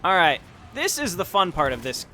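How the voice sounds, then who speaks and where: A man's voice: high-pitched, very animated, moderate pace, noisy background. A man chatting casually with viewers as he streams a game, swearing now and then. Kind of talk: casual live-stream commentary.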